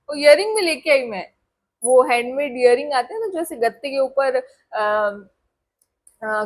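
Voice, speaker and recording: Chatty young woman vlogger, husky voice. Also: a little high. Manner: chatty, rambling, addresses viewers as guys. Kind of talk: casual chat to camera.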